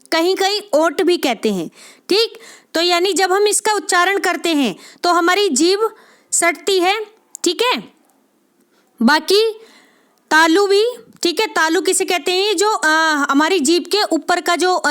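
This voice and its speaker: A woman teaching an exam-prep grammar lesson, who repeats key terms slowly, asks and answers her own questions, and keeps checking in with her viewers. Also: extremely high pitch, a bit bright. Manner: frequent "theek hai" check-ins addressing viewers as friends.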